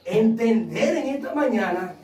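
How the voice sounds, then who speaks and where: A male pastor preaching a passionate sermon, telling personal stories and rising into shouts. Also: extremely high pitch, animated, measured pace. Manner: impassioned preaching that swells into shouts; tells personal stories with acted quotes. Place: church sanctuary. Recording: echoey church sound from a distant mic.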